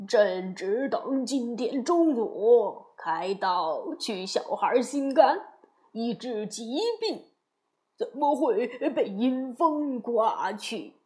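A woman's voice: a little high, animated, darkish tone. A woman voicing an anxious, ailing old king in a storybook reading, drawn out and fretful. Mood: alarmed. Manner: slow, drawn-out, fretful royal speech. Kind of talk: children's storybook voice acting.

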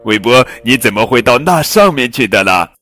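A man's voice: medium pitch, sing-song, moderate pace, fairly bright tone, no room sound, faint music behind, voice pushed up. A man voicing a cheerful joking male elephant, raising his voice somewhat above his own in a children's storybook reading.

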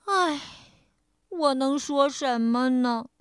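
A woman storyteller and radio host, reading a children's picture book in a playful, expressive first-person voice. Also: sits high, takes it slowly, no echo, clean studio sound.

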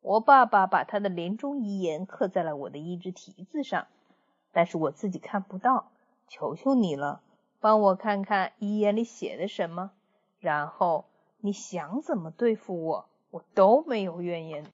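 A woman voicing a calm, cunning old male horse who speaks low and pleads. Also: moderate pace, dull audio, natural voice. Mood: calmly cunning.

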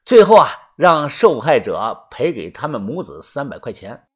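A man tells a first-person audiobook story in a chatty, conversational way. His voice is slightly husky and his pitch swings up and down freely. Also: big pitch swings, moderate pace. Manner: chatty, sprinkles 啊 and 呢 fillers. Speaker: narrator.

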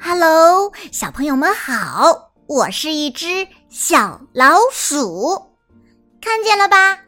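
A woman telling a children's story as a small timid mouse, in a sweet, expressive, sing-song manner. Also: sits high, takes it slowly, faint music behind.

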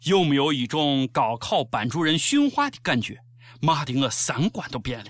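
Animated Shaanxi-accented man, high and bright. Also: normal speed, dry recording. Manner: exaggerated, sarcastic. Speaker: comedic show host. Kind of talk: scripted comic commentary.

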